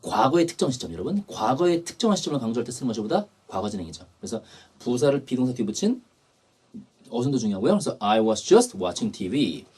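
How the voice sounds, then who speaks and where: Husky guy lecturing on english grammar, bouncy pitch, repeats stuff a lot. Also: big pitch swings, a little mellow. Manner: explanatory, repeats key terms, slows down to read English lines. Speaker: English test prep instructor.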